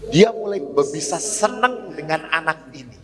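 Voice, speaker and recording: Man, priest, sermon, lively storytelling, higher voice, hushed emphasis. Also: moderate pace, a crowd in the background, poor audio. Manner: animated, dropping to near-whispers for emphasis.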